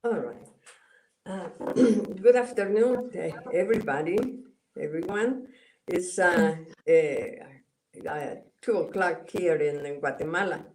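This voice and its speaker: Over a video call from her home in Guatemala, a Mayan elder originally from El Salvador answers interview questions in Spanish-accented second-language English. She speaks slowly in a fairly low, slightly mellow voice, hesitating with many fillers and restarts, and the recording quality is low.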